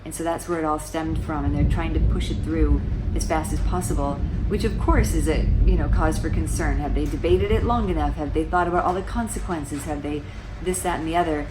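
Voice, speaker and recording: This forties-aged vlogger speaks in a low voice, a little fast and with few pauses, as she casually explains current events from a sofa in a small room. She often starts sentences over and throws in rhetorical questions. Music plays in the background of a low-quality recording.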